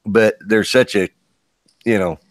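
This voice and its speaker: A man of sixty rambles and jokes, stopping and restarting with lots of fillers. His voice is very low, and the recording is dry and close. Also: steady tone, dry recording. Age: 60s. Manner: joking, halting, many fillers. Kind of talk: casual chat on a live stream.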